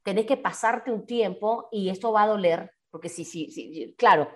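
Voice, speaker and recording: A woman's voice: mid-range voice, moderate pace. A woman, a podcast guest telling her story in casual conversation and acting out her own past words.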